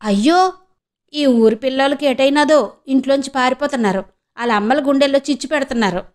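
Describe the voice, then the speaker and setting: A woman's voice: high voice, brisk, a little mellow, pitched above the performer's own voice, natural voice. A woman doing a shrewd bold village woman. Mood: scolding. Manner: scheming, scolding, rustic village speech.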